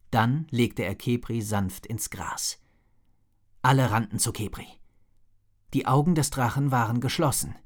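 Slow, husky male storyteller. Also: medium pitch. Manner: calm, measured reading. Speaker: narrator. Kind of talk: storybook read-aloud.

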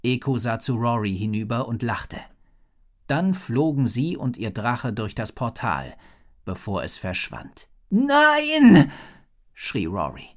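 A man narrating a children's fantasy story as an audiobook. His mid-pitched voice rises and falls a great deal as he reads, lively and expressive. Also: a little slow.

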